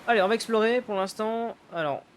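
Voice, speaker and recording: A man's voice: sits high, brisk, background noise. A man giving casual let's-play commentary, thinking aloud, swearing casually and loosely paraphrasing the game's dialogue. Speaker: gaming YouTuber.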